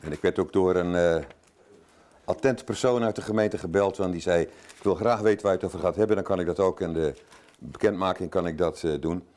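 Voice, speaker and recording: Older man preaching, lowish voice. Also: a little fast, darkish tone. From Zeeland, Netherlands. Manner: chatty, self-joking, informal asides. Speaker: guest preacher. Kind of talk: sermon.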